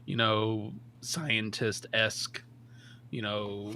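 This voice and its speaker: A young man co-hosting a casual film review podcast, animated, laughing often and swearing casually. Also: lowish voice, drawn-out words, slight background noise. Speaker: podcast co-host.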